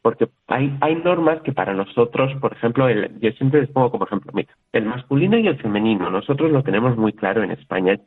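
A man's voice: medium pitch, expressive, fast, few pauses, slightly rough. A man from Spain chatting as an interview guest, talking freely with many restarts and little quoted exchanges. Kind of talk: casual interview talk. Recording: tinny phone-like line.

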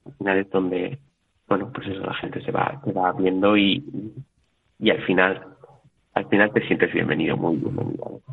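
A man's voice: low-pitched, expressive, normal speed, creaky, husky. Spanish man on a tinny phone line. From Spain. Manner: chatty, with frequent restarts and quoted dialogue. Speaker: interview guest. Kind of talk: casual interview talk.

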